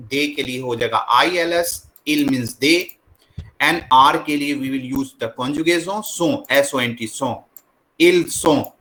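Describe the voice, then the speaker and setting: Slow-paced Indian man teaching French. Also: fairly high pitch, pushed and bright, low-quality recording. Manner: slow, repetitive drilling, mixing English and Hindi. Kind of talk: classroom lesson. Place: classroom.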